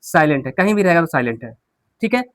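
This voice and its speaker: A man's voice: a little high, sing-song, quick pace, fairly bright tone, dry recording. A man teaching an English pronunciation class, asking the class questions and answering them himself, repeating the key words. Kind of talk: classroom lesson, explaining at a board.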